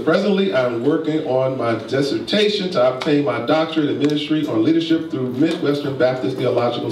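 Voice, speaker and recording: A man pastor giving a church leadership talk, urging the congregation to answer back in a preacherly way. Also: mid-range voice. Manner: preacherly, slow emphatic asides, prompts the congregation. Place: church sanctuary. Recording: echoey church room, distant mic, noisy.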